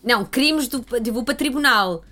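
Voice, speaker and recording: A woman's voice: fairly high pitch, animated, normal speed, pushed and bright. A woman in a casual guessing game, playful and laughing often, dropping English phrases.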